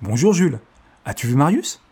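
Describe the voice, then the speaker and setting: A man voicing a small devoted dog in an audiobook, calling out brightly and eagerly. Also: medium pitch, very animated, normal speed, breathy edge, voice pushed up. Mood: hopeful. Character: small devoted male dog, hopeful and anxious.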